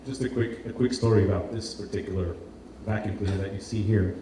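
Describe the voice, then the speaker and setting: A Portuguese designer gives an informal talk in a brisk, fairly low voice with fairly even intonation, hesitating and repeating words while he hunts for the right phrasing. The indoor event space echoes heavily, and the live hall recording sounds roomy, distant and noisy.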